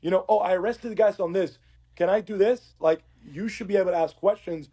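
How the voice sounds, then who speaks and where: A Uruguayan man with a fairly high, raspy voice worn hoarse from work talks as a police academy instructor on a podcast. He tells his stories casually and conversationally, a little fast and with a dark tone.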